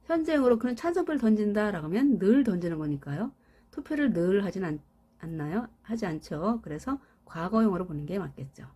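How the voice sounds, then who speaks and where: A woman's voice: mid-range voice, animated, a little fast, warm tone, slightly rough. A woman teaching English verbs in Korean, repeating each word in rhythmic sets and explaining meanings with everyday examples. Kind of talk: scripted lesson on verbs.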